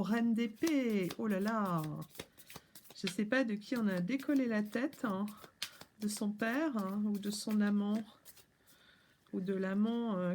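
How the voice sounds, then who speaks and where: A woman's voice: mid-range voice, darkish tone, a little hiss or hum. A woman doing a casual tarot reading at home, chatting playfully and speaking straight to her viewers. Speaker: tarot reader.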